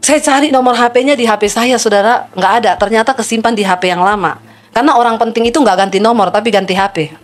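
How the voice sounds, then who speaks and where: A middle-aged woman pastor preaching a sermon in church, telling stories in an animated way and acting out the voices of the people in them. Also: quick pace, soft background music. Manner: animated storytelling, acting out quoted voices with big pitch swings.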